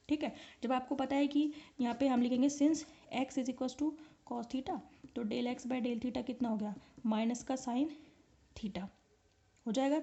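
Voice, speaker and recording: High-voiced woman giving an online lecture. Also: mellow, muffled recording. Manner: explains step by step and keeps asking the class if they follow. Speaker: physics lecturer.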